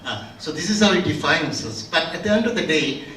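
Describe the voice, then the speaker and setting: A man's voice: fairly high pitch, very animated, brisk, pushed and bright, slight background noise. An older man from Bangladesh, speaking at an academic conference in a conversational, anecdotal way with frequent restarts. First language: Bengali. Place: conference room. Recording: roomy room, distant mic, faint ambience.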